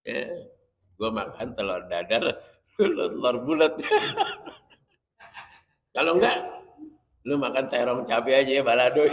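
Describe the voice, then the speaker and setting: Male Islamic teacher, joking lecture style, long hall echo. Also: medium pitch. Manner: jokey, chatty, explains Arabic terms. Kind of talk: religious study lecture.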